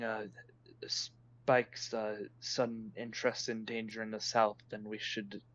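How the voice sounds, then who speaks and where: A man playing a worried, formal adventurer in a tabletop game, speaking softly. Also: lowish voice, muffled recording.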